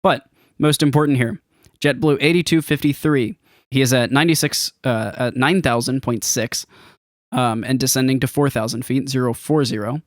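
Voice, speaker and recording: In clean studio sound with no echo, a man at a moderate pace and medium pitch demonstrates a game he developed. He narrates the screen recording casually, like a tutorial, wandering a bit as he thinks things through aloud.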